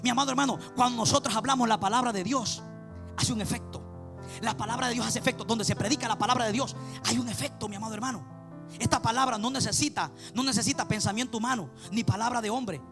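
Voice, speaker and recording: Fervent high-pitched man preaching fast. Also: over music. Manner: fervent, repetitive, addresses listeners as beloved brother. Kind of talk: sermon.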